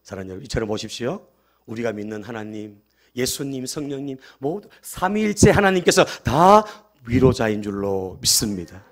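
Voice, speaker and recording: A man's voice: mid-range voice, lively intonation, a little fast. Emphatic preaching pastor, a man. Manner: emphatic preaching, swinging between loud outbursts and quiet asides; calls for amen and hallelujah responses. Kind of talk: sermon.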